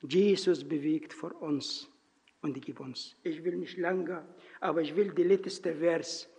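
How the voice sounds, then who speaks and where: A lay preacher with a non-native German accent delivers a sermon with a personal story and a prayer, his phrasing earnest and halting. His voice is high and husky with a darkish tone, and he speaks slowly. The audio, recorded in a reverberant church hall, sounds dull and lo-fi.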